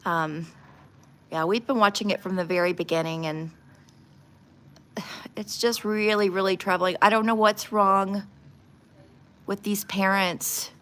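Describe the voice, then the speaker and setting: A woman streams herself doing nail art, speaking at medium pitch with fairly even intonation and a slightly bright tone. She's unhurried, leaving long pauses as she shares blunt, casual takes on true crime.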